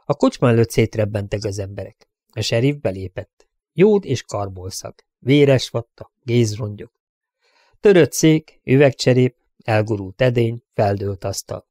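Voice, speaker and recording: A man reading an audiobook with an even, storytelling delivery. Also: mid-range voice, dry recording, clean studio sound. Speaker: audiobook narrator. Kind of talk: scripted audiobook narration.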